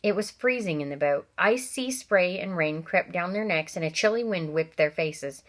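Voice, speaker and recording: A woman teacher reads a novel aloud to children, speaking expressively and pausing for asides to her listeners. Her voice is on the low side, and she keeps a moderate pace.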